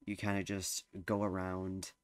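A man's voice: sits low, monotone, a little slow, clean tone. A teenage boy giving casual gameplay commentary, rambling and hesitant with lots of fillers. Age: teens. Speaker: gameplay streamer.

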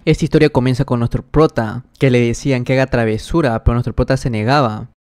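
A man's voice: mid-range voice, steady tone, fast, a little mellow, soft background music. A man hosting a casual comic recap, narrating in a chatty, slangy way and reading every character's lines in his own voice. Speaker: recap channel host.

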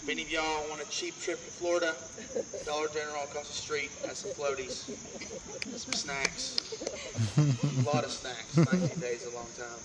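Heard from a few meters away on a visitor's camera, a man with a fairly high voice talks at normal speed while guiding a group outside and into a cave. Upbeat and playful, he tells joking stories over a noisy background with music under his voice.

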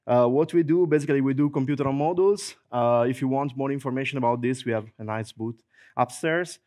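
A middle-aged Italian-accented man gives an animated technical talk in a big conference hall, using a handheld mic. His medium-pitched voice, captured at studio quality, is full of "uh" fillers, jokes and laughter.

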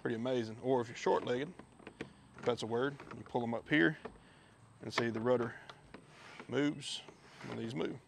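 Gravelly man showing off gear. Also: mid-range voice, moderate pace, long pauses, slight background noise. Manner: relaxed, chatty, with many fillers. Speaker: fishing video host. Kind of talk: casual product walkthrough. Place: backyard outdoors. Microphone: head-mounted action camera.

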